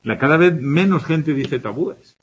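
Husky, lively Spanish teacher explaining grammar. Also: male voice, on the high side, a little slow. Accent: Spanish from Spain. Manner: explains with examples, checks in with "¿de acuerdo?". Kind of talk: classroom grammar lesson.

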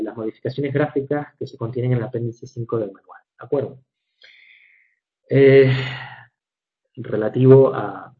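Man, teacher, grammar lecture, measured pace, fillers and self-corrections, mid-pitched voice, dull lo-fi recording. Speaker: English teacher.

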